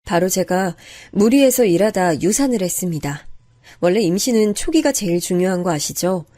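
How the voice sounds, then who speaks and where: A woman narrating a first-person true-life story in a calm, confiding way. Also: on the low side, moderate pace. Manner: calm, confiding, even-paced.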